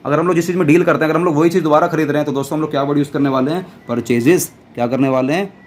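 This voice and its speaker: A man teaches an accounts lesson at full volume, his voice pitched a little high. He jokes around and fires questions, then answers them in a mock student's voice. A faint hiss sits under the recording. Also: racing. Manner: loud, almost shouting while teaching. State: dry throat. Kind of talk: classroom lecture.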